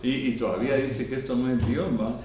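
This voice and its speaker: A man preaching a sermon with a Guatemalan Spanish accent, swinging from loud exclamations to quiet storytelling. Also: mid-range voice, steady tone, brisk, recorded from a distance. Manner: preachy, rises to loud exclamations then drops to soft storytelling. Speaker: pastor. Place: church hall. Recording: echoey room, speaker off-mic, faint background noise.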